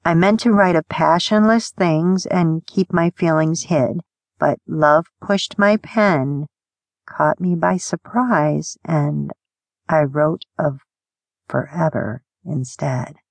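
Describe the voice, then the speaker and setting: A woman narrating an audiobook of love poems, reading in a soft, tender, unhurried way with gentle pauses. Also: low voice, gravelly, no room sound. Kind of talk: poetry reading.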